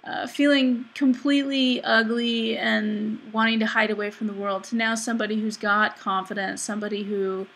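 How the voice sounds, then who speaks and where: Slow, bright-voiced woman vlogger. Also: medium pitch. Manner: reflective, halting, thinking aloud. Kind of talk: confessional personal vlog.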